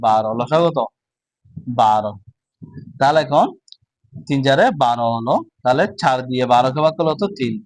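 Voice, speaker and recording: Slow man teaching math. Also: mid-range voice, no room sound, low-quality recording. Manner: slow, repetitive, asks and answers own questions. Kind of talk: casual classroom lesson.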